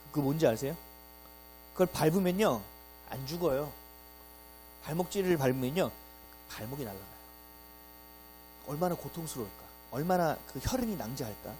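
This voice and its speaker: A male pastor giving an animated Sunday sermon, full of rhetorical questions and acted-out quotes. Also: medium pitch, slight background noise, low-quality recording. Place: church sanctuary.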